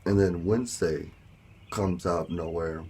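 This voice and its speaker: A man telling a story in a casual vlog, rambling with lots of fillers and small laughs, with a sore lower back. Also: steady tone, measured pace, dark tone, slightly rough. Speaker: vlogger.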